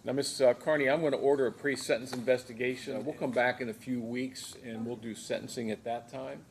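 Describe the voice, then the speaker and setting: A man's voice: mid-range voice, steady tone, brisk. American male judge, noisy courtroom recording. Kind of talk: formal plea hearing questioning.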